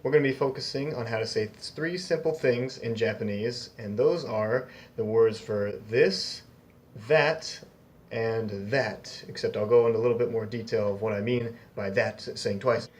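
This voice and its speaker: A man's voice: medium pitch, darkish tone. Upbeat young man teaching Japanese. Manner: upbeat and chatty, repeats words slowly for learners. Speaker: Japanese language teacher, channel host. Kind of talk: casual beginner language lesson.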